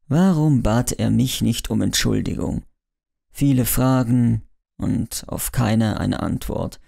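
A man's voice: mid-range voice, gravelly, mellow. A man narrating a first-person thriller audiobook in a brooding, introspective way.

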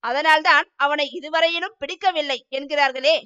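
A woman's voice: high voice, steady tone, moderate pace, pushed and bright, lo-fi sound. A woman voicing an older male village trustee gossiping about a local rogue, in a storybook reading. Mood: gossipy.

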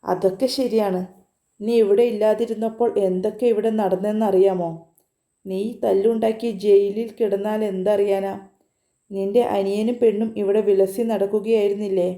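Sly young troublemakers who egg their friend on with goading remarks, voiced by a woman narrating. Very dark, mellow tone in a roomy, echoing space. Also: mid-range voice, level tone, moderate pace, natural voice. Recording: roomy echo.

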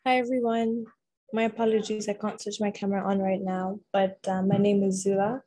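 A woman's voice: medium pitch, little pitch movement, fairly quick, dark tone. A woman from Zimbabwe introducing herself politely on a video call.

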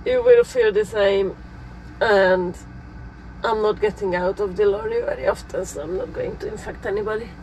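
A woman's voice: mid-range voice, moderate pace, slight background noise. Woman with a cold chatting in a lorry cab. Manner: relaxed, chatty, laughs often, slightly non-native phrasing. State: has a cold. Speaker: lorry driver vlogger. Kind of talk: casual vlog chat. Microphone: camera on the dashboard.

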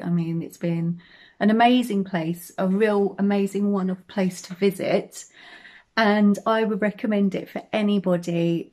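A woman vlogger with a mid-range, darkish-toned voice chats casually and enthusiastically in a travel vlog, dropping many ums. She films herself on a phone held at arm's length, first outdoors by the sea and later in a home kitchen.

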